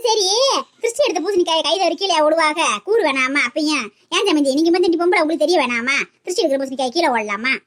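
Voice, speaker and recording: A woman voicing a grumpy, sharp-tongued old mother-in-law who grumbles in a comic skit. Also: high voice, lively intonation, fast. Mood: grumbling. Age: older. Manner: grumbling, sarcastic.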